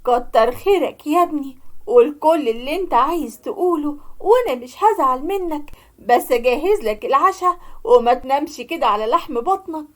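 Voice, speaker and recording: A woman's voice: high-pitched, expressive, a little fast. A woman with an Egyptian accent voicing a tearful, bitter older widowed mother in a cartoon story. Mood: pleading. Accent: Egyptian Arabic. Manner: pleading, bitter.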